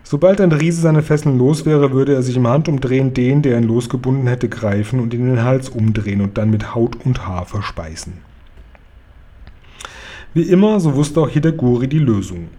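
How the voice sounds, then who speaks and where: A man reading a children's book aloud in a calm, even storytelling manner. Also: mid-range voice, normal speed.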